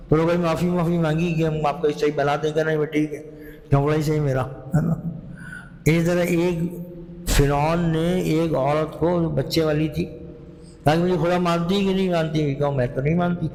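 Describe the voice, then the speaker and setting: A man delivers a Quran lesson in an unhurried, explaining way, stopping to ask his listeners questions. His voice sits slightly high for a man. The sound carries a long reverb, as if spoken in a large hall. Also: a little mellow. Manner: slow, explanatory storytelling with rhetorical questions. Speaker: mufti giving Quran lessons. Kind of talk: Urdu Quran lecture.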